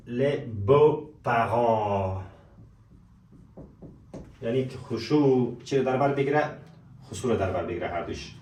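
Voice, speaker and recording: Guy teaching words, says them slow and repeats a lot, sounds far off and roomy. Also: medium pitch, darkish tone. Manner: repeats words slowly, addresses students as dear friends. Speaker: language teacher. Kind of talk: teaching a vocabulary lesson. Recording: echoey room, voice away from the mic.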